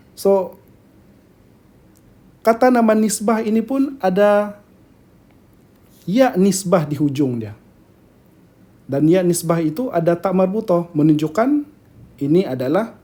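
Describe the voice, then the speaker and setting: Teaching grammar in a lecture, a Malaysian-accented man goes slowly, repeats the important terms, and keeps making sure his students understand. His voice is slightly high and mellow, with lively intonation.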